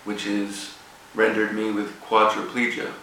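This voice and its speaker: A man gives an informal motivational speech with a personal story, speaking haltingly in short broken phrases. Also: fairly low pitch, monotone, pushed and bright. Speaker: guest speaker at a rugby club event. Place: echoey room, speaking before an audience. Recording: echoey room, distant mic, faint noise.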